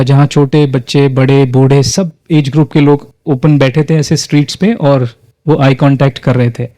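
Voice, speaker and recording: Guy leading a workshop, mellow tone, dry close sound, keeps asking the crowd stuff. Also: fairly high pitch, no room sound. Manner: engages the audience with frequent questions, mixes in English phrases. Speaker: workshop facilitator. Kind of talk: interactive talk leading a group exercise.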